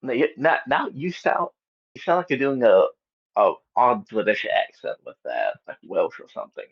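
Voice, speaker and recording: A man's voice: mid-range voice, wildly swooping pitch, moderate pace, vocal fry, slightly rough. A man playing a tabletop game, chatting hesitantly and laughing often. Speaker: player. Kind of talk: casual planning chat for a tabletop game. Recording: dull, lo-fi voice-call audio.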